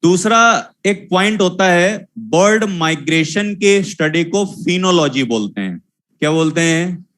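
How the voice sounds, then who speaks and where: A man's voice: high-pitched, expressive, a little slow, a bit bright. A young man teaching a zoology class, lecturing and scolding his students again and again in a repetitive way.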